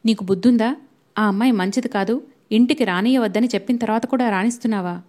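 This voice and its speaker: A woman reading the part of a quick-tempered young husband in an audio novel. He scolds sharply and sternly, in a firm, clipped voice. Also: mid-range voice, steady tone, darkish tone, natural voice. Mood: angry.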